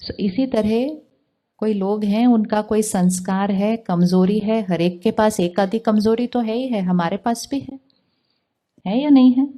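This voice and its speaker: Gentle, mellow-voiced woman spiritual teacher. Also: medium pitch, unhurried. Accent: Indian Hindi. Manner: asks rhetorical questions, gentle and patient. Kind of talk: spiritual talk to an audience.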